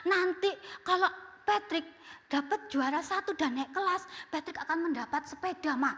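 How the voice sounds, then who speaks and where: A woman's voice: very high-pitched, normal speed. A woman voicing an eager young boy who pleads and whines for a promised bicycle, in a church hall with music playing. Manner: whiny, pleading, rising to shouts.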